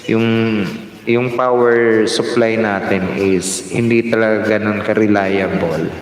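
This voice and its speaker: A man's voice: lowish voice, steady tone, takes it slowly, a little hiss or hum. A man chatting casually on a live stream, rambling with fillers. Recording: very echoey, distant, music behind.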